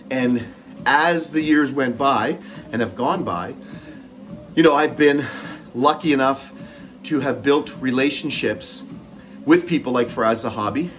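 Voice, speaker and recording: A man's voice: mid-range voice, a bit bright, slight background noise. A middle-aged man with a Canadian accent telling a personal story while running on a treadmill, speaking in short broken phrases. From Moncton, New Brunswick, Canada. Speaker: host.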